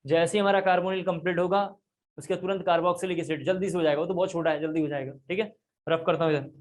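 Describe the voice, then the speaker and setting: A man's voice: on the high side, fairly even intonation, fast talker. A man teaching a chemistry class, explaining step by step and repeating key points. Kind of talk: classroom lecture.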